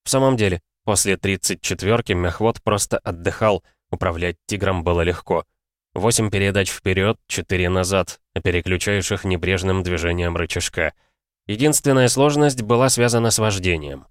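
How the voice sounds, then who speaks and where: A man narrating an audiobook in a steady, even storytelling manner. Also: sits low, normal speed, no room sound, clean studio sound.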